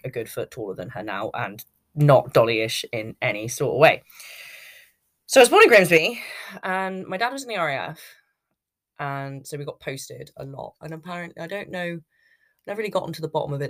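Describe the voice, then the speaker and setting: British woman in her 30s, podcast host, chatty n rambly, just telling stories off the cuff. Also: rumbling low. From United Kingdom. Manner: rambling, chatty, self-interrupting. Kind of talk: casual unscripted personal storytelling.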